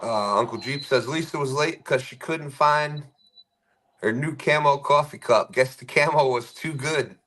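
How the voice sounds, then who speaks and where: A man's voice: mid-range voice, a little slow, a bit bright. A man hosting a live fishing stream, casually greeting viewers and reading their comments aloud with frequent chuckles.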